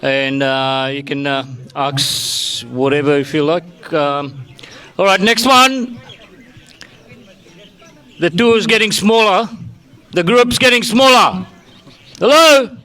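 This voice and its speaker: A man's voice: a little high, slow pace, sharp tone, smooth. A man speaking casually as a tour guide, announcing to a group at a festival.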